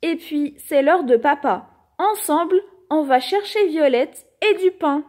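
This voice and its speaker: A woman reading a children's picture book aloud in an expressive, animated bedtime-story manner. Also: high-pitched, measured pace.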